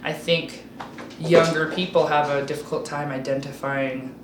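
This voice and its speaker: Deep-voiced, with fairly even intonation and a moderate pace, this Alaskan woman in her thirties chats candidly as a casual interview guest, often saying um and restarting. Heavy background noise, roomy echo, and faint ambience fill the recording.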